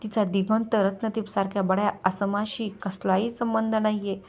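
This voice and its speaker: A woman reading aloud, voicing a sharp-tongued young male college friend who asks cold, sneering questions. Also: mid-range voice, flat delivery, normal speed, lightly acted.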